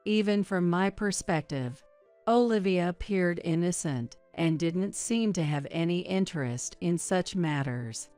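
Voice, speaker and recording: A woman reading a first-person story as a measured, even scripted narration. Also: lowish voice, faint music behind.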